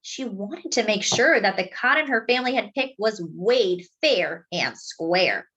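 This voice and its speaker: A woman reads a children's book aloud like a storyteller, narrating expressively with deliberate phrasing and stretching out words for emphasis. Her voice is mid-range, and the sound is lo-fi.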